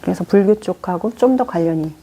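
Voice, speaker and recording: Mellow-voiced woman teaching a class. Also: on the low side, fairly quick, a little hiss or hum. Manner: lively storytelling with acted-out quotes; chatty, poses questions to the class. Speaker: teacher of Korean fortune-telling. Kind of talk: informal classroom lecture. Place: lecture room.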